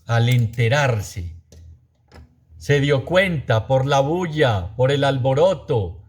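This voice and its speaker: A man's voice: mid-range voice, lively intonation, slow. A man preaching a sermon, repeating phrases for emphasis and asking the audience rhetorical questions.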